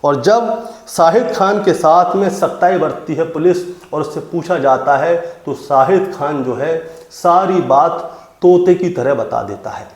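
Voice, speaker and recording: A man's voice: fairly high pitch, lively intonation, measured pace. A man narrating a true crime story to his audience, calling them friends and retelling it step by step. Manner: addresses listeners as friends, dramatic retelling. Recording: roomy echo.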